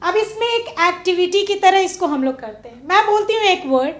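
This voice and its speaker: A high-voiced, expressive woman teaches a classroom lesson in a studio classroom with reverberant sound. She stretches out example words slowly, asks her pupils questions and waits for their answers.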